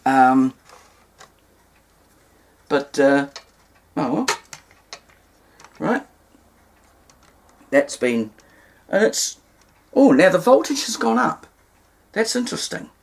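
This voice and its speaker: This vintage radio repair presenter, speaking with a New Zealand accent, works through an unscripted hands-on demonstration at a table in an indoor room. The mid-range voice is gravelly and slow, with big pitch swings and long pauses, and a little hiss or hum sits under it. He thinks aloud hesitantly and spells each step out with care.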